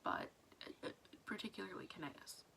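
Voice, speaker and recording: Woman vlogger, casual rambling diary chat, whispery asides, gravelly fry. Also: on the low side, lively intonation, moderate pace, bright, forceful tone, a little hiss or hum.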